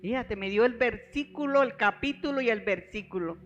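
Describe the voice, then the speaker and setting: A woman's voice: a little high, moderate pace, lo-fi sound, soft background music. A middle-aged woman pastor preaching a sermon, telling her own story and calling her listeners beloved brothers.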